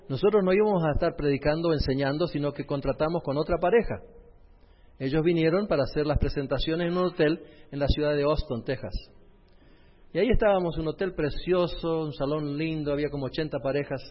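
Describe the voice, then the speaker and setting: A middle-aged male pastor, telling a personal testimony in a sermon and speaking straight to his audience. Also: a little high. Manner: storytelling, addresses the audience directly. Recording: reverberant hall, dull lo-fi sound.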